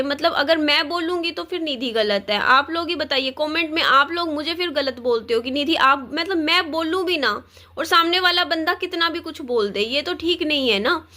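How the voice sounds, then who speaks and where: Distressed young woman vlogging, high bright voice, keeps repeating herself, upset but firm. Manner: upset, pleading and defiant, repeats words. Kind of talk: emotional direct-to-camera rant.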